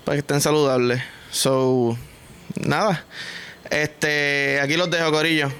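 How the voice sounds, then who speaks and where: A man with a Puerto Rican accent rants through a casual comic vlog, crude and joking, heavy on slang. His voice is fairly high, bright and very clear. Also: fairly even intonation, unhurried. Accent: Puerto Rican Spanish. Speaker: vlogger host.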